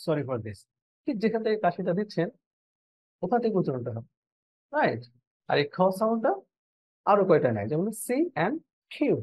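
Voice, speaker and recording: A woman's voice: on the low side, big pitch swings, normal speed, long pauses, slightly rough, highs cut off. A woman teaching pronunciation, drilling each sound and word one by one, switching between Bengali explanation and English examples. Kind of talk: pronunciation lesson.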